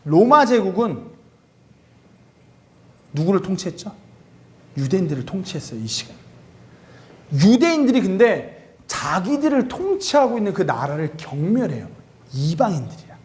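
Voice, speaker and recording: Male youth pastor, sermon delivery, lively and expressive, pitched high. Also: normal speed, long pauses. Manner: animated, acts out quoted dialogue.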